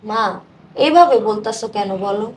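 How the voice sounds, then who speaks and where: An actress doing a sick elderly mother with a high, soft voice that pleads gently and tries to keep the peace in the family. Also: normal speed, slight background noise, close to an everyday voice. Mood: pleading. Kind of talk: short-film drama acting.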